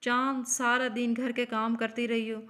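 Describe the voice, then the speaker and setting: A woman voicing a meek, tired young wife who speaks softly and quietly. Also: fairly high pitch, little pitch movement, clean tone, close to an everyday voice. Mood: gentle. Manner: soft and quiet.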